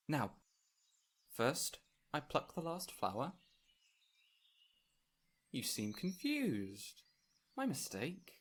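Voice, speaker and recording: A man plays a gentle, whimsical fey spirit in an intimate audio roleplay, speaking directly to the listener in a theatrical, formal, old-fashioned style. His voice sits high and is heavily acted. The recording is clear, with ambient birdsong and forest sounds behind him.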